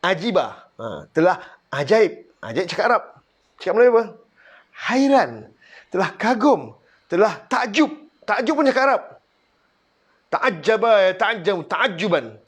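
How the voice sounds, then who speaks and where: Lively high-voiced Malaysian teacher. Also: male voice, measured pace, slightly rough. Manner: drills vocabulary word by word, correcting mistakes. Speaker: Quranic Arabic teacher. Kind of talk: online grammar lesson.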